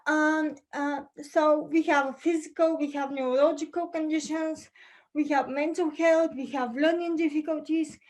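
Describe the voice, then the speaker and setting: A young woman from Bulgaria speaks in a bright, high voice as she talks through presentation slides on a video call. Her pace is careful and slightly halting, with small fillers between her points. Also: steady tone, poor audio. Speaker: conference speaker.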